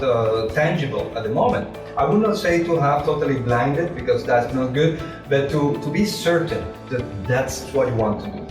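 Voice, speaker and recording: Male interviewee, English, halting explanatory delivery; distant, echoey recording with music behind. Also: mid-range voice. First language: not English. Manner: halting, repeats words, explains with rhetorical questions. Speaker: entrepreneur being interviewed. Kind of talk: interview answers.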